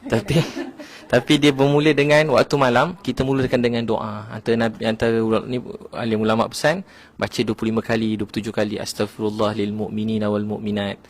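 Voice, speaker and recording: A Malaysian man giving a casual religious talk, telling stories in an animated way with many "ha" fillers. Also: mid-range voice, fast talker. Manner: animated storytelling, frequent "ha" fillers. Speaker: religious preacher.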